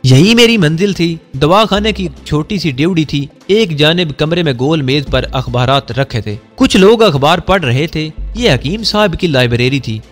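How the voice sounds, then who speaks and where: A man narrating a first-person story in a measured storytelling delivery. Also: fairly high pitch, animated, a bit bright. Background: faint music.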